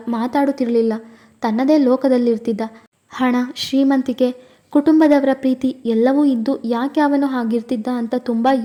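A woman voicing a calm young woman friend who gently reasons and consoles in an audio story. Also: sits high, lightly acted.

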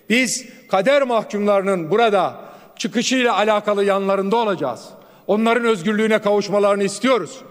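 Male lawmaker at a rostrum microphone, high and forceful, echoing chamber. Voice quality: forceful, raised, declamatory delivery. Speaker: member of parliament giving a speech. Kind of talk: parliamentary floor speech. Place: large parliament chamber. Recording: long reverb of a large chamber.

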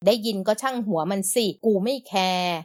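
A woman voicing a blunt, deadpan young man who teases and bosses his lover with crude, flat talk. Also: high-pitched, normal speed, dry recording, clean studio sound, natural voice.

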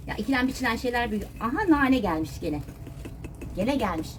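A woman's voice: fairly high pitch, animated, fast. A woman vlogging casually as she cleans and gardens, chatting to her viewers, her pets and her plants. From Turkey. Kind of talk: casual chat while doing chores. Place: home and garden.

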